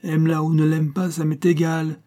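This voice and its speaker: A man reading aloud, voicing a gruff, stubborn older father who scolds and refuses curtly in a rough voice. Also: fairly high pitch, monotone, moderate pace, dark tone, voice pushed up, natural voice. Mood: stubborn refusal. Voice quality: rough, growling. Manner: scolding, curt and domineering.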